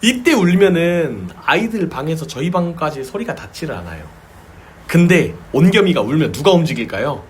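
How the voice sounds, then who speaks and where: A man's voice: on the high side, very animated, moderate pace. A man preaching a sermon as a pastor at a small home church, telling stories with vivid sound words and acted cries.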